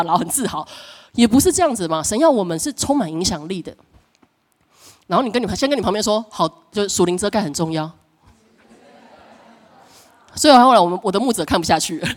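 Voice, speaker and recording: Woman, middle-aged pastor, sermon, animated storyteller, medium pitch. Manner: animated storytelling, acts out quoted voices, laughs often.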